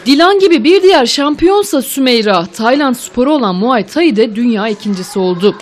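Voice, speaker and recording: A woman delivers scripted reportage as a news narrator. Her voice is fairly high, with faint noise behind it. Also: expressive, brisk.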